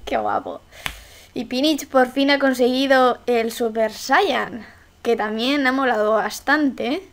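A woman from Spain with a Spanish accent, giving excitable, exclamatory Let's Play commentary and swearing casually. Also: fairly high pitch, takes it slowly, a little hiss or hum. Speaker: gaming YouTuber.

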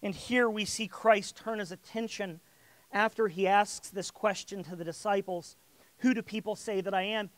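A man's voice: high-pitched, fairly even intonation, normal speed, dry recording. A man preaching a sermon who builds in volume on key lines and sometimes repeats words as he searches for phrasing.

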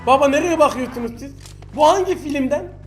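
High-voiced excitable Turkish gamer man. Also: fairly quick, soft background music. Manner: excitable, taunting opponents, shouting bursts. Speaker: mobile game streamer. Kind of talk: live gameplay commentary.

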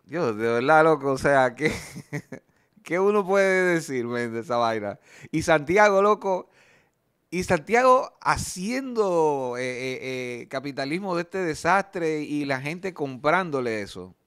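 Lively animated man. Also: on the high side, measured pace, clear, resonant tone. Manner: animated, exclamatory, swears often. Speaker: panelist. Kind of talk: entertainment gossip talk.

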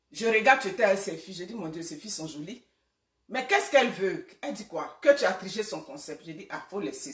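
A woman's voice: mid-range voice, a bit bright, reverberant, far from the mic. A woman in her forties speaking casually to another woman, retelling past exchanges and calling for reconciliation. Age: 40s. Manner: conversational, retelling quoted exchanges. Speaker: social media personality. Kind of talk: casual personal address to a rival.

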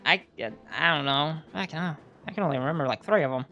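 A young man giving casual, excitable let's-play commentary, swearing and laughing often. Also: fairly high pitch, a little fast, muffled recording, soft background music. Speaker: gaming YouTuber.

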